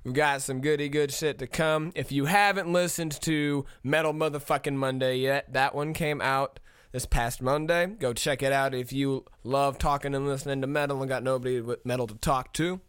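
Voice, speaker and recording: A man's voice: mid-range voice, fairly even intonation, moderate pace, fairly bright tone, clear, resonant tone, no room sound, studio quality. A man in his thirties from Minnesota, hosting a podcast in a casual, profane, chuckling ramble. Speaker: podcast host.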